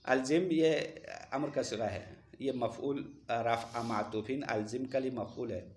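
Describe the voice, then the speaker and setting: A male teacher leading a classroom lesson. He explains step by step, quizzes his students and chants Arabic verses slowly. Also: medium pitch, steady tone, darkish tone, roomy sound.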